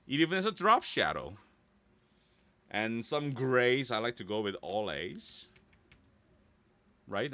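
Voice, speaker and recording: A voice actor, a man from Korea or the United States, gives a casual, playful website tutorial. His lowish voice sounds pushed and bright as he thinks aloud and keeps checking in with the listener.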